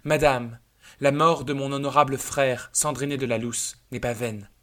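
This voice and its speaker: A man's voice: medium pitch, steady tone, normal speed, fairly bright tone, lightly acted. A man reading out the speech of a dignified male cat who vows revenge, in a solemn, declamatory way.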